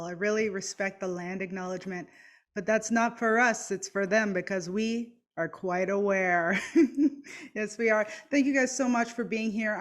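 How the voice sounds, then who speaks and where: Female comedian as interviewer, mid-pitched, upbeat, quick to laugh, video call. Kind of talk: casual conversation.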